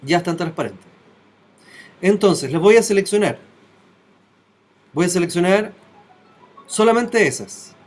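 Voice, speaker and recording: Higher-voiced man teaching a class. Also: lively intonation, a little slow, long pauses. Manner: talks step by step, checking in with students. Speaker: web design teacher. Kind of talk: classroom software tutorial.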